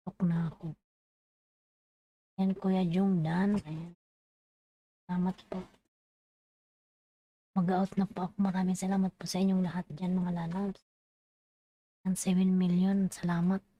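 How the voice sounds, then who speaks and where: A woman's voice: lowish voice, little pitch movement, measured pace, pauses often, dark tone, dry recording. Sleepy Filipina woman on livestream. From Philippines. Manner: tired, drowsy, sign-off chatter. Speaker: livestream vlogger. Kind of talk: casual livestream chat. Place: UAE.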